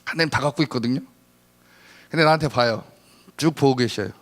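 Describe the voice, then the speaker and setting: A male pastor giving a lively sermon, acting out little scenes in different voices. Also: mid-range voice, brisk. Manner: animated, acts out little scenes.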